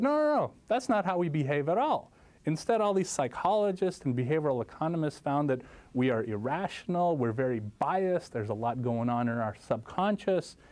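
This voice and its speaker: A man from Lithuania, in his thirties, speaks as a guest in a studio interview. His tone is mellow and warm, and he tells his stories with animated rises in pitch, recorded close on a lapel mic. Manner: animated storytelling, lively pitch jumps. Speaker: guest professor. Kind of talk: interview answers. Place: studio set, seated.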